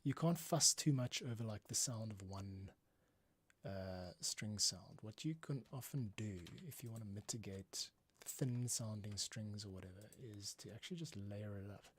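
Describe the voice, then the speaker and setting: A composer hosting a live music production stream thinks out loud casually as he works, often muttering to himself in a tutorial-like way. His voice is fairly low with a breathy edge and a moderate pace, with music behind him, score playback and computer keyboard clicks.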